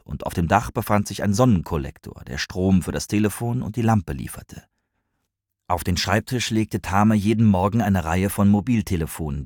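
A man reading a story aloud as narrator, in a calm, even storytelling manner. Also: low-pitched, dry recording, clean studio sound. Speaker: audiobook narrator. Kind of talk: scripted narration.

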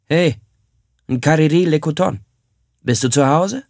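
A man's voice: on the low side, animated, moderate pace, darkish tone, husky, no room sound, clean studio sound. A man voicing a sly grown man who calls out and chats casually, in an audiobook reading. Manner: friendly calling, casual. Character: sly adult man who pinches children. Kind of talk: audiobook character voice.

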